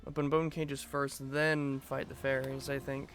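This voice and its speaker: A man's voice: medium pitch, little pitch movement, a little slow, vocal fry, a bit bright, soft background music. A man giving casual gameplay commentary as a streamer, musing to himself with mild exclamations. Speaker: game streamer.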